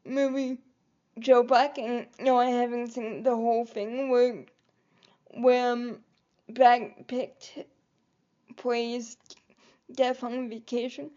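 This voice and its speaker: Woman vlogger, high voice, slow and rambling, muffled lo-fi recording. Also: level tone, mellow. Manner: rambling, hesitant, many fillers and restarts. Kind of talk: reflective personal vlog.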